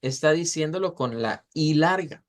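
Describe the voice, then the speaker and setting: A man's voice: fairly high pitch, animated. Man teaching pronunciation, repeating words. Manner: explanatory, repeats words slowly to model sounds. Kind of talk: online class lecture.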